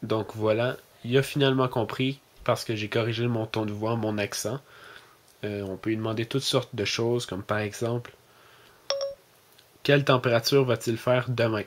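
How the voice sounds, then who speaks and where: A man with a Québécois French accent hosting a casual tech demo, talking hesitantly with many fillers and speaking louder and slower when he gives his phone voice commands. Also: fairly low pitch, flat delivery, slight background noise. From Quebec, Canada. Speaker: tech video host.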